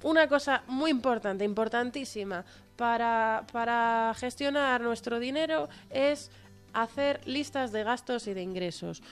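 A Spanish woman with a fairly high voice leads a small group class. She talks in an encouraging way and keeps checking that everyone is following, with faint music underneath. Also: measured pace, clean tone. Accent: Spanish from Spain. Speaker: group facilitator. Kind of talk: leading a class.

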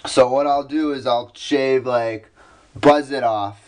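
A man's voice: mid-range voice, steady tone, slow, darkish tone. A man chatting casually in a daily vlog, rambling and filling his talk with "like". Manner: rambling, heavy on "like" fillers. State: just woken up. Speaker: vlogger.

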